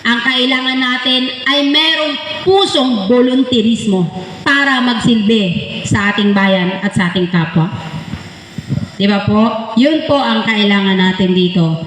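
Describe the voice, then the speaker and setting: A woman's voice: on the high side, unhurried, fairly bright tone. A Filipino woman giving a motivational ceremony speech to trainees, rallying her listeners and checking in with short tag questions. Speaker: volunteer organization officer giving a graduation address. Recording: echoey hall with long reverb, faint noise.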